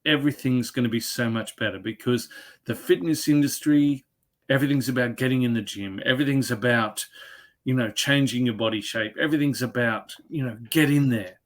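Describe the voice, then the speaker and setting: A man's voice: medium pitch, fairly quick. A man with an Australian accent, hosting an interview on a video call, earnest and repeating words for emphasis. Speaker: interview host, head chef. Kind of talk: conversational interview.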